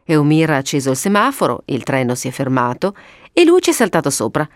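A woman voicing a sharp male detective who blurts urgent, high-pitched commands. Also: huge pitch swings, a little fast, no room sound, clean studio sound. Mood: explaining.

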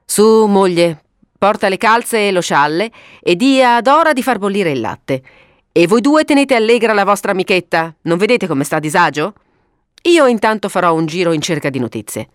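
A woman voicing a sensible, kindly middle-aged father who talks briskly and gives orders in a read-aloud story. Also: medium pitch, expressive, no echo, studio quality, natural voice. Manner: brisk, commonsense, bossy.

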